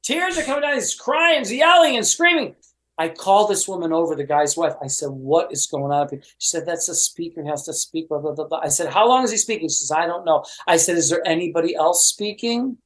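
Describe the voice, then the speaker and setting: A man telling stories as a podcast guest, animated and chatty. He fills his talk with "you know" and acts out the quoted voices of others as he goes. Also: on the high side, quick pace, few pauses, poor audio.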